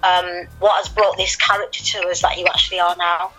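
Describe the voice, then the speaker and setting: A woman's voice: on the low side, flat delivery, a little fast, a bit bright, husky, faint music behind, rough recording. A woman hosting a radio interview, asking questions with enthusiastic, encouraging remarks. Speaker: radio host.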